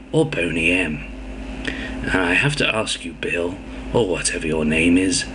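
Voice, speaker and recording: A man's voice: low voice, background noise. A man playing a cranky old-fashioned listener who phones in blunt, grumbling complaints to a radio show. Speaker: prank caller. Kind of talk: comedy radio sketch.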